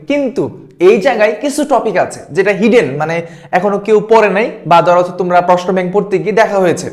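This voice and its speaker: A man teaching an exam-prep lesson, repeating words and checking in with his students. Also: high voice. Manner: quick, repeats words, asks "ঠিক আছে?". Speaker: admission test tutor.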